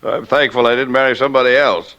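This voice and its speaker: A man acts the part of a middle-aged father in a 1940s-50s radio drama, genial and mock-formal but firm when pestered. He sounds contented and teasing, his delivery measured, jocular and sternly paternal. His mid-range voice is steady, bright and forceful, though the audio is dull.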